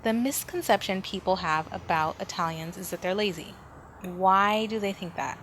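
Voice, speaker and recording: Recording indoors at home near street noise, a woman rambles through her solo podcast in a casual, informal way, thinking out loud. Her mid-range voice is fairly bright and moderately paced, with background noise and room sound present.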